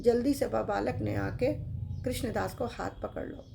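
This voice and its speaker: A woman storyteller narrating a devotional tale in a slow, drawn-out, emphatic way. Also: on the high side, wildly swooping pitch, creaky, dark tone, slight background noise.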